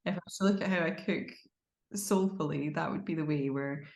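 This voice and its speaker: A woman's voice: low voice, quick pace, vocal fry, a little mellow, reverberant. A woman with a Glaswegian Scottish accent chatting enthusiastically and expressively as an interview guest. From Glasgow, Scotland. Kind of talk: casual conversational interview.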